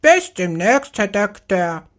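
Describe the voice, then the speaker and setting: A man's voice: high voice, sing-song, slow, a bit bright, voice pushed up, exaggerated voice. A man voicing an indignant, fussy parrot in a storybook, with a squawky, strained voice.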